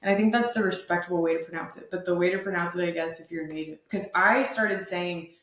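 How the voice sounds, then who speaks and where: A woman's voice: lowish voice, a bit bright. Chatty woman in an echoey room. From Georgia, USA. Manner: chatty, laughs often, talks in quick bursts. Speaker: podcast co-host. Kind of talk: casual chat.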